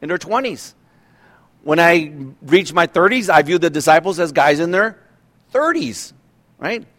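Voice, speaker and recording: A man in his fifties preaches in an easy, conversational way. His voice sits a little high for a man, and he keeps asking his listeners questions and restarting his sentences. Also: lively intonation, a little slow, fairly bright tone. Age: 50s. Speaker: pastor. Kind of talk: sermon.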